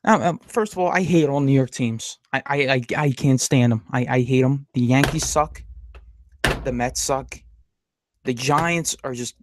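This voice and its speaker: A man's voice: medium pitch, moderate pace, background noise. A man hosting a casual podcast, rambling and stammering as he rants about sports rivals. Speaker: podcast host. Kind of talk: casual live-stream chat.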